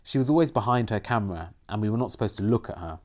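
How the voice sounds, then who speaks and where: This interview guest, a native Persian speaker from Iran who played the film's protagonist, talks earnestly about his acting work. He's a fast talker with a fairly low, darkish voice and lively intonation.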